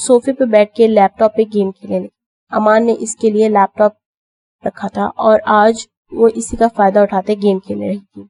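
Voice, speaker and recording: A woman narrating an audio novel in a steady storytelling manner. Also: medium pitch, vocal fry, dry recording. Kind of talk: scripted narration.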